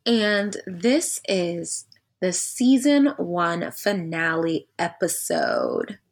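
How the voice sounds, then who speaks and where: A woman's voice: lowish voice, very animated, extremely slow, gravelly. Upbeat young woman podcast host. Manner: upbeat, chatty, slangy. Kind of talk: casual chat.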